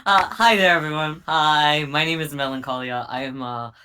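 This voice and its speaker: A woman with a noticeably deepened voice, chatting as a guest musician on a podcast, halting and hesitant with fillers. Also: fairly even intonation, pushed and bright, smooth. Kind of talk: casual podcast chat.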